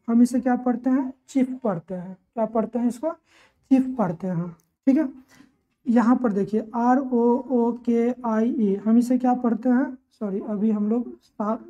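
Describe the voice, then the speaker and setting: A woman teacher explains spelling rules at a patient, repetitive pace. She often poses a question and then answers it herself. Her voice sits a little high but sounds mellow, and the recording is slightly dull. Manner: repeats her own questions and answers them, steady teaching rhythm. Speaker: English teacher.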